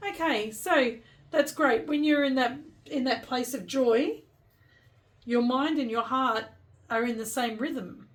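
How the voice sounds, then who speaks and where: A woman speaking as a fortune teller, thinking aloud through an oracle card reading and gently advising the listener directly. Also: high-pitched, takes it slowly. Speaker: tarot and oracle card reader.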